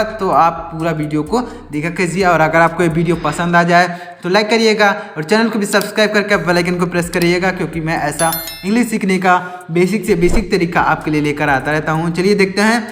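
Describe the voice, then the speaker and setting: Guy teaching english, high voice, lots of reverb, keeps asking then answering himself. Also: a bit bright. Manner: repetitive, asks and answers own questions. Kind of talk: YouTube teaching lesson.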